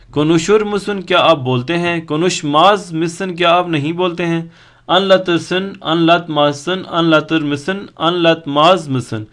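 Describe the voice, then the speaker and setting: Guy teaching grammar, kinda high voice, slow and patient, repeats word forms one by one. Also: a bit bright. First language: Urdu. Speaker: language teacher. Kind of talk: explaining grammar in a recorded lesson.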